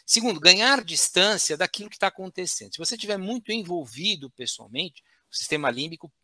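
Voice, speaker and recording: Lively, bright-voiced man explaining. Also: sits high, brisk, no echo. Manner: didactic, with frequent "né?" tags and restarts. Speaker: guest expert on emotions. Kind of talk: explanatory talk show chat.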